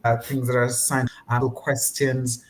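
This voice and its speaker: A man, a physician on a panel, speaking in a measured, hesitant way with many pauses and restarts. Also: medium pitch, flat delivery, low-quality recording. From Jamaica. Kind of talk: casual panel discussion.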